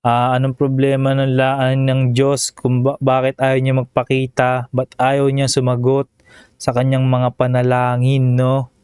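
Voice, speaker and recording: A man's voice: mid-range voice, monotone, a little slow, a little mellow, clear, resonant tone, no room sound, studio quality. A man vlogging casual reaction commentary over a video, chatty and emotional, often ending phrases with a questioning tag.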